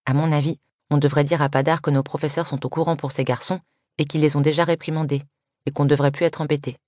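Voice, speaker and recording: A woman reading aloud and voicing an excitable young schoolgirl who talks eagerly. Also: deep voice, quick pace, no room sound, clean studio sound, natural voice. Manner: eager and scheming.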